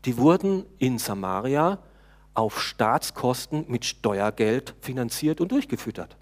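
A man giving a sermon in a conversational way, often pausing with hesitations and speaking directly to his congregation. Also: mid-range voice, sing-song. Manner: conversational preaching, talks to the congregation, frequent hesitations. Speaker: preacher.

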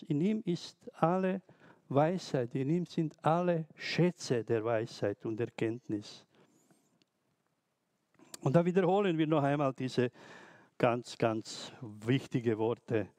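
A man who is not a native speaker, preaching a sermon slowly, with many restarts and hesitations. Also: fairly high pitch, expressive, a little mellow, dry recording. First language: not German.

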